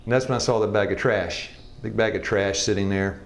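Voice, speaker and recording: A man's voice: fairly low pitch, steady tone, fairly quick, vocal fry, echoey room. A man in his sixties, a health evangelism teacher, telling his life story to a class in a folksy, joking way and laughing often. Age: 60s. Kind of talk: personal testimony in a class. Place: classroom with a live audience.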